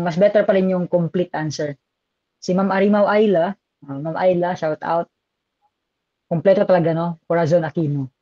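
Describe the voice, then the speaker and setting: A man's voice: a little high, dark tone, no echo, muffled recording. A man with a Filipino accent giving a live online exam review lecture, chatty and switching between languages as he reads out viewer comments.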